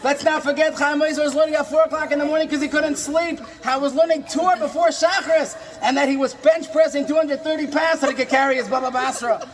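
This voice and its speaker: A man doing a comic impression of an impassioned, warm, questioning rabbi, telling inspirational stories with dramatic, preacherly refrains. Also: very high-pitched, fairly even intonation, quick pace, few pauses, a little hiss or hum. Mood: fervent.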